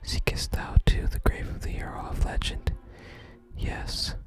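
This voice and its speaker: An ASMR gaming host whispers softly and breathily at an unhurried pace, narrating a video game and reading its on-screen text aloud.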